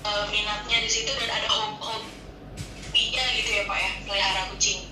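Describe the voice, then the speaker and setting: A woman's voice: mid-range voice, level tone, moderate pace, echoey room, distant mic, noisy background. A woman interviewer speaking over a speakerphone call, polite and questioning. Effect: heard over a speakerphone call. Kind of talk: phone interview.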